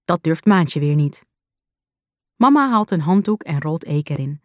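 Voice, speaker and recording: Woman reading a storybook gently. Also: sits low, lively intonation, a little slow, no room sound, clean studio sound. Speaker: narrator.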